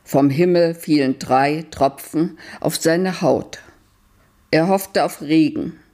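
A woman narrating a fairy-tale story in a calm, unhurried reading voice. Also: low voice. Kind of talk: storytelling read aloud.

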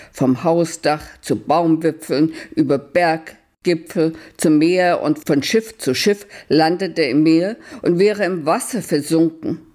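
A woman narrating a fairy-tale story in a calm, unhurried reading voice. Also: low-pitched. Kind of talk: storytelling read aloud.

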